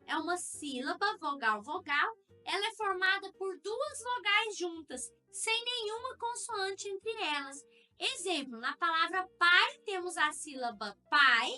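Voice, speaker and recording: A woman's voice: very high-pitched, bright, forceful tone. A young adult woman from Goiás with a Central-West Brazilian accent, teaching an online class and explaining patiently step by step. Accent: Central-West Brazilian Portuguese.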